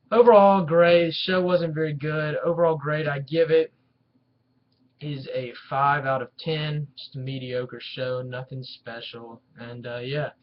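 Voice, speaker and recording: Rambling man recapping a show, flat voice. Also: mid-range voice, muffled recording. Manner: rambling, many fillers and restarts. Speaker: wrestling show reviewer. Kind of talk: casual video review recap.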